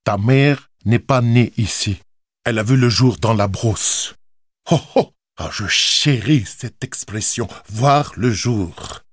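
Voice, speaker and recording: A man's voice: mid-range voice, slow pace, breathy edge, clean studio sound, voice pushed down. A man reading an audiobook, voicing a blunt, scornful uncle with a cavernous voice and a mocking, emphatic delivery. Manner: mocking, emphatic, swings from loud to hushed. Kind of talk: audiobook character voice.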